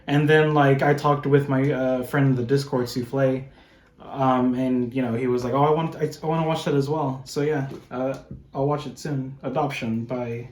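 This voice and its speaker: A man's voice: mid-range voice, steady tone, normal speed, a little mellow. A man chatting casually about films, rambling with fillers and the odd swear word, recorded at home. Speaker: guest showing his film haul. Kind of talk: casual film chat. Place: room in a home. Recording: roomy echoey room.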